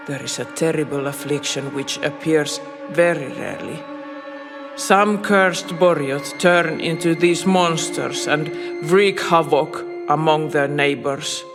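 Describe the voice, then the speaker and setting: A stern creature mother with horns tells a warning tale in a slow, solemn voice, as a male narrator puts her on. Her voice sits higher than a man's usual register. It rings with long hall reverb over loud music. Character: stern grieving Boryot mother, horned creature.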